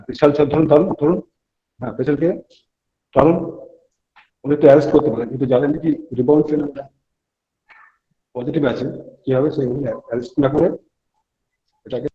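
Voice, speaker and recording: A man teaching a clinical examination at a hospital bedside, explaining tests to students and giving instructions to a patient. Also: medium pitch. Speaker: medical lecturer. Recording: dull lo-fi recording.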